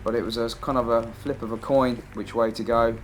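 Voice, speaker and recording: With music in the background, a man briskly narrates his own hunting footage in a mid-range, level voice. He keeps it conversational, plain and matter-of-fact, like an amateur hunter talking over his video.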